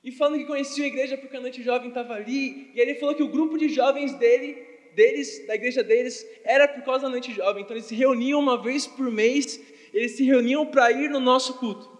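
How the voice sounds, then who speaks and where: A young man preaches to a youth crowd in a loose, slangy, conversational way, often asking the room questions. His voice sits very high for a man. The mic picks him up in a church hall with a long reverb tail. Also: fairly even intonation, fairly quick. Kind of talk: casual youth sermon. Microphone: handheld or stand mic.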